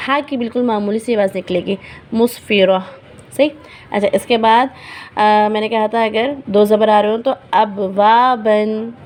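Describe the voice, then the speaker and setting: This woman's voice is on the high side with a darkish tone as she patiently instructs learners in Quran recitation rules. She slowly repeats each example word and checks in with them often.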